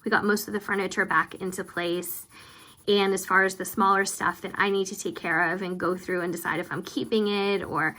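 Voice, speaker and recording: A woman vlogger giving casual, rambling, self-deprecating commentary as she works, with vocal fry at the ends of her phrases. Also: medium pitch, little pitch movement, fairly quick, pushed and bright, low-quality recording. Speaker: planner vlogger hosting budget updates. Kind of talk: casual chatty voice-over commentary while working.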